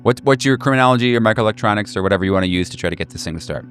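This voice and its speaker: A man acts as game master for a tabletop horror game, casually improvising the narration. His voice is fairly low and a bit bright, and he talks at a racing pace over background music.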